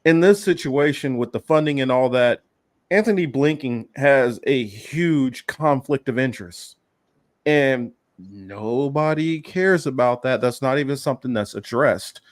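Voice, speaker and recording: A man's voice: medium pitch, unhurried, no echo, clean studio sound. A man co-hosting a casual political talk, rambling and emphatic, with many fillers and restarts. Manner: heated, emphatic. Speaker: podcast co-host.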